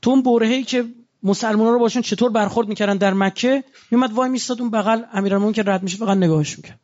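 A man's voice: high-pitched, darkish tone, dull audio. A man preaching a religious sermon in a conversational way, asking his listeners rhetorical questions.

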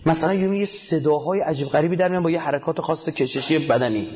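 Emphatic male preacher, dull lo-fi sound. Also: on the high side. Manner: emphatic, asks rhetorical questions and answers them. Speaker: religious speaker. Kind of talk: casual colloquial religious talk. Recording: dull lo-fi recording.

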